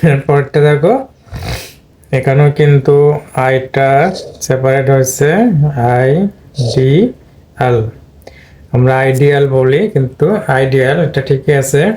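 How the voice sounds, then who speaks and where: A man with a Bangladeshi accent teaching English pronunciation in a slow, deliberate lesson, drawing out and repeating each word he demonstrates. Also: medium pitch, flat delivery, darkish tone.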